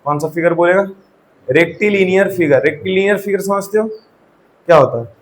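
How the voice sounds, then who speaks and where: A man's voice: sits high, brisk, a little hiss or hum, poor audio. A man teaching a maths lesson in a classroom, often quizzing his students and checking that they follow. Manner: asks the class questions and checks with repeated "theek hai". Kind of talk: classroom lecture.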